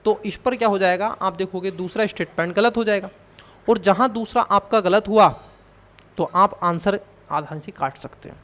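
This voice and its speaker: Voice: medium pitch, moderate pace, a bit bright. Coaching teacher, fatherly tone, rhetorical questions, exam question walkthrough. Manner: fatherly, calls students child, asks and answers own questions.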